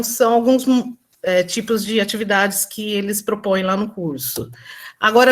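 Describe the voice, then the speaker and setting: A woman presenting her classroom experience at an online teaching symposium. She speaks hesitantly, with many fillers and restarts, and acts out slow teacher and pupil lines. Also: mid-range voice.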